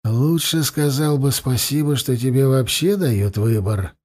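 A man's voice: medium pitch, unhurried, darkish tone, lightly acted. A man reading an audiobook, voicing a cold, smug middle-aged priest who talks down to his prisoner. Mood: cold mocking. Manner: cold, mocking and condescending.

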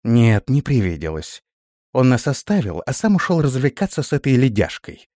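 A man's voice: mid-range voice, very animated, normal speed, darkish tone, no echo, studio quality, pitched above the performer's own voice, close to an everyday voice. A man voicing a hot-tempered, jealous young woman with fangs, bossy and threatening. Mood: indignant.

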